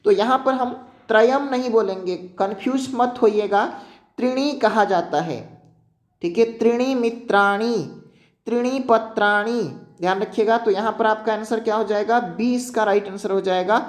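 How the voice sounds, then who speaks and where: A man's voice: sits high, normal speed. A man teaching an exam-prep lesson, often checking in with students and reminding them to keep points in mind.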